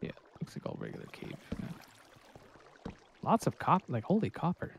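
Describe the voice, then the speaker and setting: A man hosting a casual gameplay stream, chatting excitedly and playfully as he explores. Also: fairly high pitch, normal speed, background noise. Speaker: streamer host.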